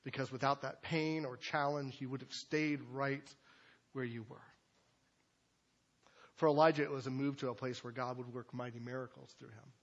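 A man's voice: medium pitch, steady tone, normal speed, highs cut off. Man preaching with casual asides. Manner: conversational, loose asides with fillers. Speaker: pastor teaching a sermon series. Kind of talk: sermon.

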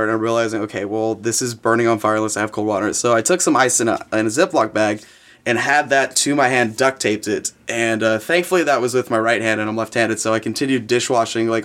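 A man's voice: medium pitch, a bit bright. A young man, a chef as guest, telling kitchen stories in a rambling, profane way with lots of fillers. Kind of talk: casual storytelling.

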